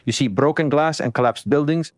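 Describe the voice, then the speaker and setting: A man's voice: fairly high pitch, a little fast, very noisy. A man hosting a live stream, delivering breaking news commentary in an explanatory way, repeating points for emphasis.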